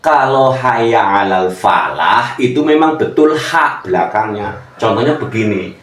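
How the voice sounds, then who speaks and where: A man giving an informal religious lesson, explaining slowly and acting out pronunciations. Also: lowish voice, animated, a bit bright. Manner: slow and explanatory, acts out pronunciations. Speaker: religious teacher. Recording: echoey room, distant from the mic.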